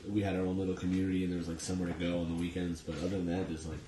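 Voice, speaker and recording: A man's voice: sits low, flat delivery, racing, reverberant, very noisy. A young man from Long Island, a comedian telling laid-back, profane stories as a podcast guest. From Long Island, New York. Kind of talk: casual storytelling interview.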